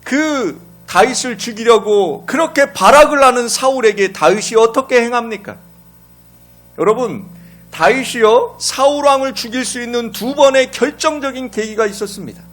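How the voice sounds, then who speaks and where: A man preaching a sermon as pastor, dramatic, asking his congregation questions and swinging between loud and hushed. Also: very high voice, normal speed, faint music behind.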